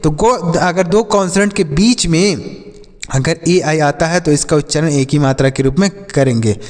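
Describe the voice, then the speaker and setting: A high-pitched man leads a classroom-style reading lesson, asking questions and answering them himself as he goes. His voice carries a long, ringing echo from the room. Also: moderate pace, darkish tone. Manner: addresses viewers as dear children. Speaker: English teacher.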